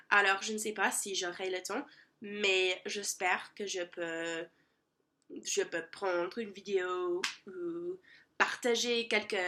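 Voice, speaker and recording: A woman's voice: medium pitch, bright, forceful tone. A young American woman, a native English speaker, vlogging casually in a language she is learning, hesitant, with many fillers and self-corrections. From United States. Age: young adult. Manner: laughs at her own slips.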